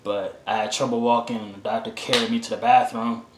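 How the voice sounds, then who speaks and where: A man's voice: medium pitch, flat delivery, brisk, background noise. A man telling a personal story to his own camera, emotional and candid, repeating himself and using casual slang. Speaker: vlogger. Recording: roomy echo.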